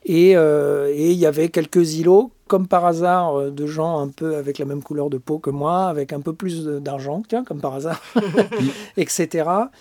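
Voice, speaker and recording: A man's voice: on the high side, normal speed, warm tone, no echo. A man from the Paris suburbs, casually recalling his own past in a loose, self-interrupting way. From Paris suburbs, France. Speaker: panel guest. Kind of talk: casual personal recollection.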